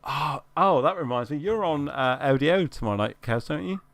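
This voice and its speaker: Lively laughing man, video call. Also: a little high, a little fast. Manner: laughing, swearing, animated. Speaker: live stream host. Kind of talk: casual chat.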